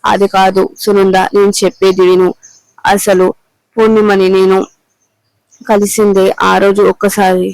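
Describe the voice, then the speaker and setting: A man reading the lines of a remorseful middle-aged husband begging his wife to listen, in a flat, clear voice. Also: sits high, unhurried, pauses often, no echo, rough recording. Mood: pleading. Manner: pleading.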